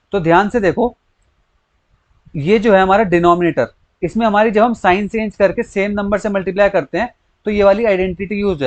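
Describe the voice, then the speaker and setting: Young guy teaching maths, highish voice, slow step by step, kinda dull dry lo-fi sound. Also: no room sound. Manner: slow step-by-step explaining, asks rhetorical questions. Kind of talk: explaining a maths lesson.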